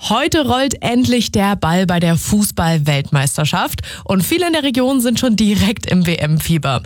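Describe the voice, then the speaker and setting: A woman's voice: medium pitch, big pitch swings, measured pace. A woman hosting an evening regional radio news show, presenting in an upbeat, chatty scripted style. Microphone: studio microphone.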